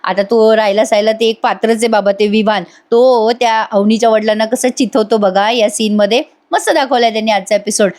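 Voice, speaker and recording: A woman's voice: on the high side, steady tone, a little fast, hardly any pauses, a little mellow. A woman hosting a casual voice-over recap of a TV serial, chatting directly with viewers. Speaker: serial review host.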